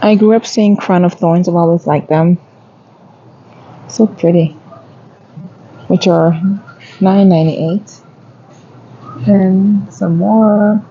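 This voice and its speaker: A woman's voice: mid-range voice, steady tone, slow, pauses often, dark tone, lo-fi sound, a little hiss or hum. A woman gardening vlogger chatting casually as she walks a garden center and reads out plant prices. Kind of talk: casual shopping vlog commentary. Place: garden center of a home improvement store.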